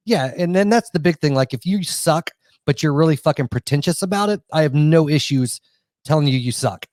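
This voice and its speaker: A man's voice: fairly high pitch, lively intonation, brisk, a little mellow, no echo. A man hosting a podcast, rambling and swearing casually with lots of restarts and laughs. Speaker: podcast host.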